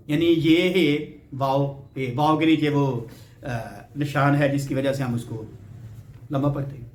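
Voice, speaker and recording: A man from Pakistan giving a Bible teaching lecture, explaining step by step and checking in with rhetorical questions. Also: on the high side. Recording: roomy echo.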